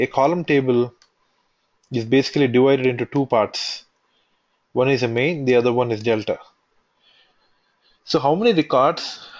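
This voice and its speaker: A man talks through a software tutorial at a middling pitch, restating each point step by step. The recording is dull and lo-fi, with faint clicking behind him. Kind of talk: screen-recorded technical walkthrough.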